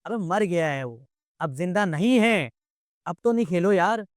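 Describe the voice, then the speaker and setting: A man's voice: sits high, expressive, measured pace, a little hiss or hum. A man, speaking as an interview guest in a heated, exasperated way and firing off rhetorical questions. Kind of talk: impassioned interview commentary.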